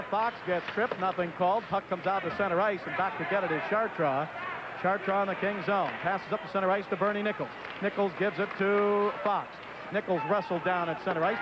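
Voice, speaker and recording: A man giving live play-by-play commentary of an ice hockey game. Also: high voice. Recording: muffled vintage broadcast, loud arena crowd noise. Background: noisy hockey arena crowd.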